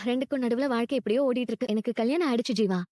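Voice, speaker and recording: A woman playing a proud young working-class woman with a gentle, measured way of speaking in a dubbed drama. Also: on the high side, no room sound, studio quality, close to an everyday voice. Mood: confiding. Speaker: woman who left her husband and now runs food stalls.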